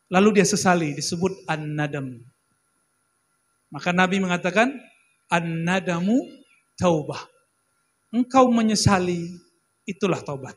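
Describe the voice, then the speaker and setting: A man preaching an Islamic sermon at a public religious gathering, lively, asking the crowd questions and quoting short Arabic phrases. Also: sits high. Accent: Indonesian.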